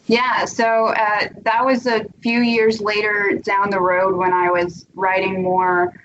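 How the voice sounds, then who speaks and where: A woman talks casually as an interview guest, a singer-songwriter discussing her work. Her voice sits at a middling pitch. The audio is dull and carries noticeable background noise. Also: level tone, takes it slowly, fairly bright tone. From Tennessee, United States.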